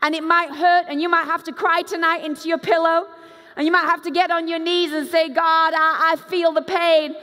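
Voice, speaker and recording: A female pastor with a high voice delivers a lively conference sermon at a moderate pace. She preaches animatedly, acting out quoted voices and moving around a large, dark stage. Long hall reverb makes the recording echo.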